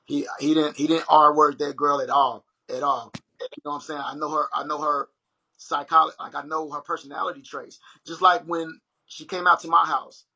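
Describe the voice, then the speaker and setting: A man's voice: a little high, moderate pace, creaky, slightly rough, rough recording. A young man hosting a casual livestream chat, telling stories animatedly and speaking straight to his viewers. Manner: animated storytelling, addresses viewers as y'all. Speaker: livestream host.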